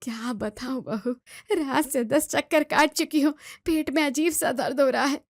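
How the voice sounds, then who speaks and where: A woman's voice: high voice, normal speed, no echo, clean studio sound. A woman playing a sneaky old mother-in-law. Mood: distressed. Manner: sneaky, fussy. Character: sweet-toothed older diabetic mother-in-law, over 65.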